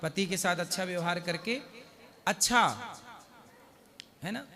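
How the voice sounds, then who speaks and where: Bright high-voiced male guru in a hall. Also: lively intonation. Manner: counsels with questions, quotes couplets slowly. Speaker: spiritual guru giving advice on stage. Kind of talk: devotional advice to a couple. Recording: long hall reverb.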